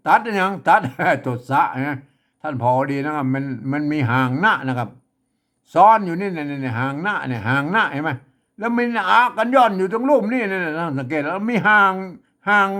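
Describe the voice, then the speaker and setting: A man's voice: on the high side, animated, a little fast, bright, forceful tone. A man teaching how to read an old script, sounding out words again and again, chuckling often. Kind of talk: casual reading lesson.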